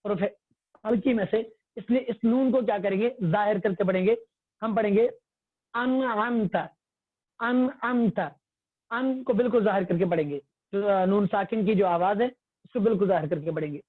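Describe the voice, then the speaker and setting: A man's voice: high-pitched, slightly rough, no room sound. Male tajweed teacher, patient, asks and answers his own questions, dry close sound, tinny call line. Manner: patient, repetitive, quizzing the class. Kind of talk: online religious class. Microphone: phone or computer mic on a video call. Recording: tinny phone-like online call audio.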